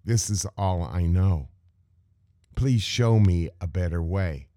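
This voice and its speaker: A man's voice: sits low, takes it slowly, dark tone, no echo, clean studio sound. A man voicing a humble, earnest Zen monk in a spoken parable, talking plainly and pleadingly.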